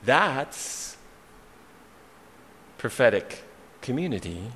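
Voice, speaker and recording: Slow, bright-voiced preaching man in a hall. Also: medium pitch, sing-song, a little hiss or hum. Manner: slow, rhythmic preaching with repeated refrains and dramatic pauses. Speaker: pastor. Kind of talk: sermon. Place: church sanctuary. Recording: hall reverb, faint ambience.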